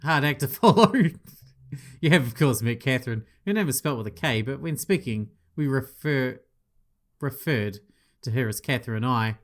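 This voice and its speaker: Speaking in an animated, mid-range voice at an ordinary pace, a man who runs a gaming channel reads a whole visual novel aloud. He gives every character a voice and adds playful comments with the occasional curse.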